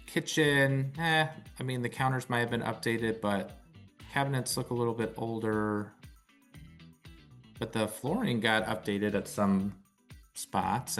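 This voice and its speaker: A man's voice: fairly low pitch, fairly bright tone. A man hosting a real estate video in an informal top ten countdown style, often repeating key phrases.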